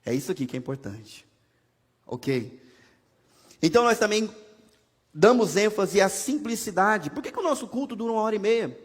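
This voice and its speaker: Brazilian pastor guy preaching, chatty and jokey, lots of questions to the crowd, high voice, long church echo. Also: big pitch swings, normal speed, pauses often, slightly rough. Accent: Brazilian Portuguese. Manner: conversational, humorous preaching with rhetorical questions. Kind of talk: sermon. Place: church sanctuary. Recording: long hall reverb from a church.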